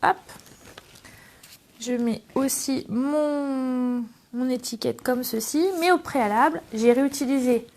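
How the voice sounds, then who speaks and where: High-pitched, slow and a little mellow, the voice belongs to a middle-aged woman from France. She hosts a laid-back scrapbooking tutorial on her channel, showing the craft while chatting fondly to viewers.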